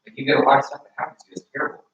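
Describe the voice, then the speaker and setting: A man's voice: very fast, a bit bright, highs cut off. Guy rambling earnestly, keeps restarting, far off mic, super echoey. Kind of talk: casual argument.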